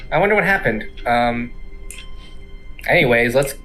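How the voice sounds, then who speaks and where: A man's voice: medium pitch, animated, moderate pace. A man giving casual, sarcastic gameplay commentary, full of joking asides. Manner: sarcastic, wisecracking. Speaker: game commentator. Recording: game music in the background.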